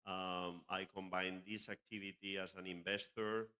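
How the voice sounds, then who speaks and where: A male panelist gives his introduction in a measured, hesitant way. His voice is very low and flat. It has a bright edge. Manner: measured, with frequent uhs.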